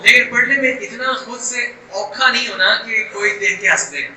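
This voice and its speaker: A middle-aged man, teaching Quran recitation and stretching sounds slowly to demonstrate them. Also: very high-pitched, bright, forceful tone. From Pakistan. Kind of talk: recitation lesson. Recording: echoey room, distant mic, faint noise.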